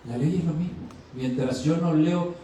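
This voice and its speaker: Pastor preaching in an echoey church. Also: male voice, fairly high pitch, normal speed, mellow, a little hiss or hum. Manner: asks the congregation questions and answers them; acts out dialogues with rising voice. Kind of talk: sermon. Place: church sanctuary. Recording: distant mic in a very echoey church.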